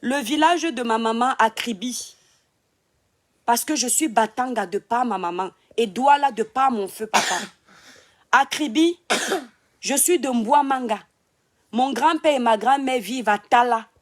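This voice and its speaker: A woman with a Cameroonian French accent talks to her live-stream viewers from home, her voice sitting a little high. She scolds and teases a critic, laughing as she goes, in loose casual talk. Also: a little slow, long pauses. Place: home in Europe.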